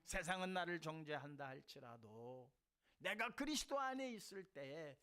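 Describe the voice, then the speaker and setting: A man preaching a sermon as a church pastor. He reads scripture aloud with the congregation, and his voice swings between loud, high emphatic preaching and soft, low asides. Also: sing-song, normal speed. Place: church sanctuary.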